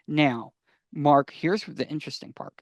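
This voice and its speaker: An American podcast co-host explains things with emphasis, repeating phrases to drive his points home. His voice sits a little high and his pace is a touch slow. There's no room sound on the recording.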